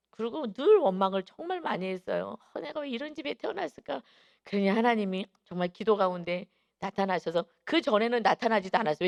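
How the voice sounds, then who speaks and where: A woman pastor giving an early-morning sermon, emphatic and telling personal stories. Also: a little high. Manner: emphatic, acts out quoted voices and personal stories.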